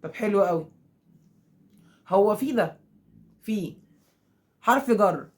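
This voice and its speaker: A man with an Egyptian Arabic accent teaches grammar to school pupils in a high voice with lively intonation, taking it slowly. He keeps asking questions, answers them himself, and acts out the pupils' objections.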